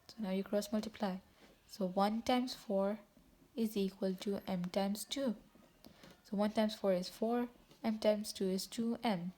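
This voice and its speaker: A Tanzanian woman teaches math in a casual video, speaking directly to her viewers in a chatty way and correcting herself as she goes. As a math tutor, she has a medium-pitched voice with a dark tone.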